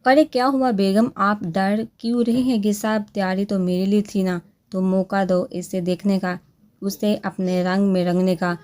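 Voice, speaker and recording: A woman's voice: medium pitch, little pitch movement, unhurried, darkish tone, lightly acted. Woman reader as a menacing young policeman husband, mocking and bossy, audiobook. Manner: threatening, mocking, commanding.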